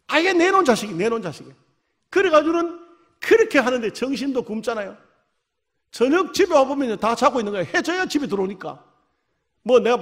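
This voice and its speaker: Male pastor, revival sermon, high voice, lively swings from shouting to hushed tones, slight cold. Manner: animated storyteller, acts out voices, swings from shouts to near whispers. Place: church.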